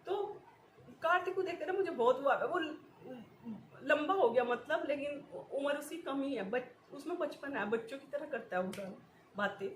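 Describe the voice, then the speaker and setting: A woman's voice: high voice, expressive, normal speed. A woman, talking in an emotional personal vlog, in short repeated phrases and often breaking into nervous laughs. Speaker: vlogger. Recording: echoey room with faint ambient noise.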